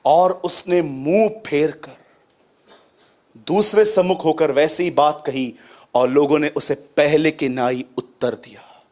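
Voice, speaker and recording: High-voiced man preaching a sermon. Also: takes it slowly, a little mellow. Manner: questions the audience and quotes scripture with emphasis.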